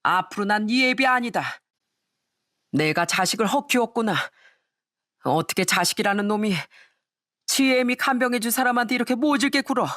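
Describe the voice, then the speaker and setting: A woman voicing an angry older father-in-law in a storybook drama, shouting and scolding. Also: on the high side, expressive, normal speed. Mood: furious. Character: furious old father-in-law, scolding his son.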